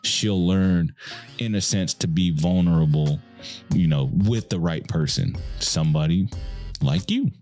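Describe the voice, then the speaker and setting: Deep-voiced man giving earnest fatherly advice. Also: a little mellow. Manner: earnest, conversational, often checks in with "right?". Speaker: podcast host. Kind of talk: casual advice talk.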